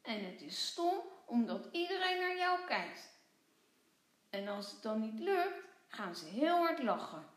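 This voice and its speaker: A shy, anxious little storybook boy who sounds earnest and a bit worried, voiced by a woman reading aloud. His lines come slowly and rise and fall a lot, in an echoey room. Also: on the high side, big pitch swings.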